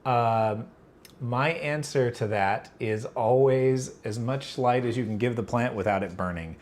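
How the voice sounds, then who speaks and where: Answering chat on a casual livestream, a man rambles through his Q&A, full of fillers, restarts and self-corrections. Allergies have him on the verge of sneezing. His mid-range voice is a little mellow and measured in pace.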